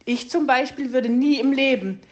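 Chatty nosy female magpie, fussy, higher voice, storybook, woman voicing. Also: moderate pace, a little mellow, dull audio, lightly acted. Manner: talks on and on, fussy. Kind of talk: storybook reading.

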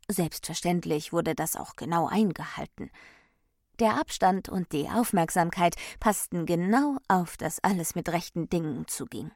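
A woman reading a fable aloud in clear, measured storytelling narration. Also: lowish voice, darkish tone, dry recording. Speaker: storybook reader. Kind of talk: scripted narration. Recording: dry close recording.

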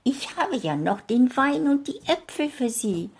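A woman voicing a kind, chatty little girl, raising her voice high and speaking eagerly. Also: very animated, unhurried, husky, full character voice.

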